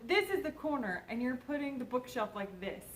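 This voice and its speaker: A woman's voice: sits high, big pitch swings, a little fast, a little hiss or hum, low-quality recording. A young woman from Kentucky with a faintly Southern accent, co-hosting and rambling through casual explanations. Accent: mild Kentucky Southern. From Kentucky, USA. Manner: rambling, filler-heavy. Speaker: co-host. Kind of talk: casual chat.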